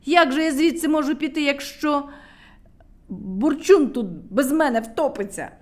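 A woman's voice: high voice, measured pace, voice pushed up. A woman doing a cheeky little boy shorty. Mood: cheeky shouting. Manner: cheeky, loud shouting.

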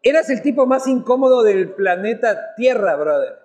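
A man hosting an interview, teasing his guest with quick interjections. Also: extremely high pitch, lively intonation, a little mellow. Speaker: podcast host. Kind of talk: casual interview chat.

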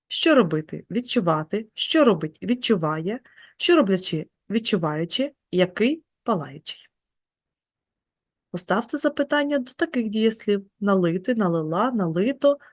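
Teacher lady doing a grammar lesson, clear and steady, talks right to the kids, dry close mic. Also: medium pitch, no room sound. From Ukraine. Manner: clear, measured, addresses pupils directly. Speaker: Ukrainian language teacher.

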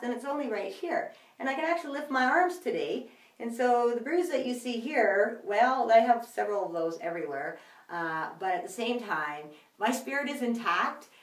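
Brief: upbeat woman vlogger, motivational chat, lively swings, recorded a bit off-mic in a roomy space. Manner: energetic, laughs easily, big pitch swings. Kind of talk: casual motivational video message. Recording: echoey room, mic at a distance.

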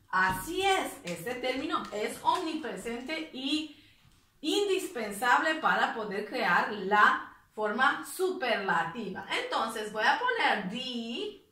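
A woman teaching an English grammar lesson, explaining step by step and repeating words slowly. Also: high-pitched, pushed and bright, roomy sound, far from the mic.

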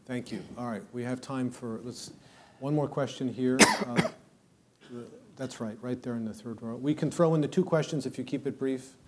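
A man moderating audience questions at a panel in a wood-panelled hall, brisk and polite and keeping an eye on the time. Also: medium pitch, fairly even intonation, noisy background.

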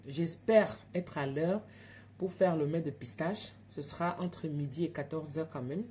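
A woman's voice: deep voice, measured pace, mellow, a little hiss or hum. A woman with an African French accent, telling stories and chatting straight to her viewers on a casual live stream from home at night.

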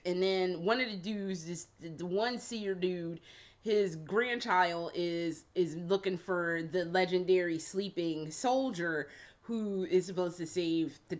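A woman's voice: lowish voice, dull audio. A woman vlogger giving a casual, chatty review, talking in slang with some swearing and laughing as she retells the story.

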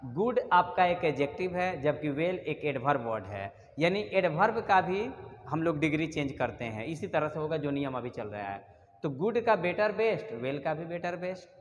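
A man's voice: fairly high pitch, very animated, moderate pace, in a large hall, slight background noise. A male English teacher explaining a grammar lesson step by step, often spelling words out letter by letter.

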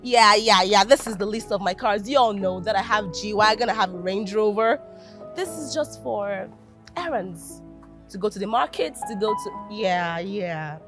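A Nigerian actress playing a vain, boastful female influencer who insults people in a haughty way, with soft film music behind. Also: mid-range voice, animated, measured pace. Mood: bragging. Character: vain lying female social media influencer. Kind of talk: Nollywood film acting.

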